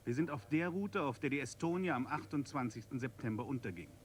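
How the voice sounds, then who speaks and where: A man's voice: medium pitch, animated, a little fast. Guy narrating a tv documentary, clipped sentences, mid voice, bit of background noise.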